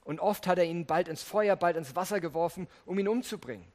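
Male preacher, slightly high voice, earnest sermon delivery, speaks directly to the congregation. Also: fairly quick, a little mellow. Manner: earnest, addresses listeners directly. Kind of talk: sermon with Bible reading.

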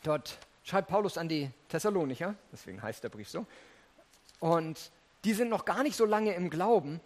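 A man's voice: fairly high pitch, animated, normal speed. A man preaching a sermon in a conversational way, speaking directly to his listeners and reading scripture aloud.

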